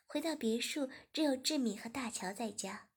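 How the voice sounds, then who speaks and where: Husky woman narrating a story. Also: a little high, moderate pace. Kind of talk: scripted narration.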